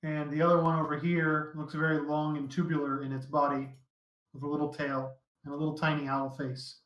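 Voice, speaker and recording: A man's voice: on the high side, flat delivery, a little fast, a bit bright, reverberant, poor audio. A man narrating as dungeon master in an easygoing, casual way, full of fillers. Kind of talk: narrating a tabletop game.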